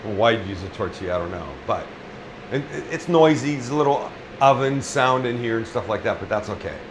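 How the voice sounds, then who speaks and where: A middle-aged chef hosts a casual cooking demonstration in a small restaurant kitchen, joking bluntly and swearing freely. His voice sits at medium pitch with lively intonation, he talks fairly quickly, and there's background noise.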